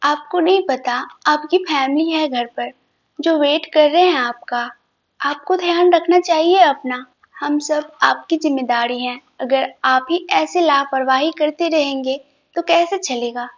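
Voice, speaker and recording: A woman voicing a tearful, devoted young wife who pleads and scolds softly in a storybook reading; dull lo-fi sound. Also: high-pitched, a little slow. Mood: tearful pleading. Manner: pleading, tearful, formal "hum" speech.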